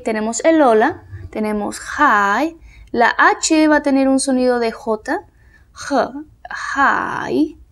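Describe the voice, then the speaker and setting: A young woman with a Mexican Spanish accent, teaching English to Spanish speakers patiently, repeating words slowly and softly. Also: on the high side. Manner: patient, repeats words slowly, drops to soft near-whispers.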